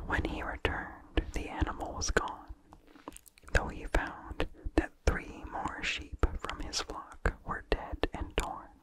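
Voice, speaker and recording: The audio is poor in this whispered ASMR reading of a vintage horror story. The narrator uses a breathy, completely unvoiced whisper and a slow, measured, deliberate pace. Close miking picks up occasional mouth sounds.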